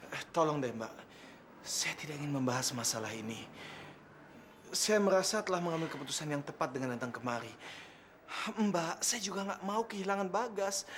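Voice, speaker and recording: A man's voice: high voice, expressive, brisk, slight background noise. An actor playing an earnest young man who is worried and stubborn, speaking formally and pleadingly in a TV drama. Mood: pleading firm. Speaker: Ivan, a young man who left his engagement. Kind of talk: TV drama acting. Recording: TV drama with loud music behind.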